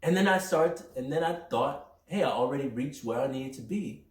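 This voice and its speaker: A young man hosting a podcast, talking through a personal motivational monologue in an energetic, rambling, self-reflective way. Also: mid-range voice, moderate pace. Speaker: podcast host. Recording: roomy echo, mic at a distance.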